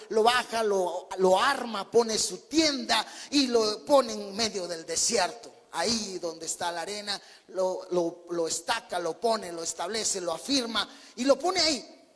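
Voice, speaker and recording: A man preaches an emphatic, story-driven sermon. His voice sits very high and sounds husky. A long reverb from the church hall hangs behind every phrase. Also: unhurried, fairly bright tone.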